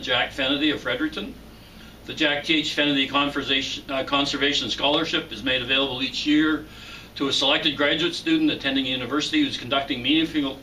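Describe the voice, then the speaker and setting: Male interviewer, measured delivery, bright edge, distant mic with faint background noise. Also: mid-range voice. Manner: measured, reads a prepared introduction. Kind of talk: formal introduction then interview.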